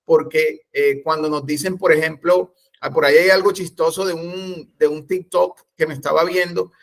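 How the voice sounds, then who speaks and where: A man who mentors English teachers, telling stories from experience in a lively, informal way with many restarts. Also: fairly high pitch. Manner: animated storytelling with many restarts. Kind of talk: casual talk.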